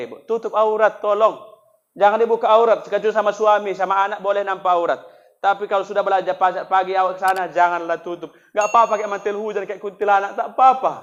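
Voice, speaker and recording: A man preaching a comic sermon at a religious festival, swinging between loud preaching and soft asides. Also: high voice. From North Sumatra. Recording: dull lo-fi sound.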